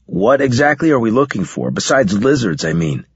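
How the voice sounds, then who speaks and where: A man voicing an eager young male soldier recruit who asks quick, wheedling questions, with a breathy voice. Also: medium pitch, sing-song, no room sound, highs cut off. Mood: curious.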